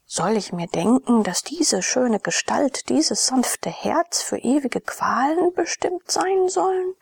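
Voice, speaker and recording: A woman's voice: high voice, animated, slow, vocal fry, breathy edge, no room sound, voice pushed up, full character voice. A woman voicing a zealous, vehement young male priest in an audiobook, speaking fervently and urgently.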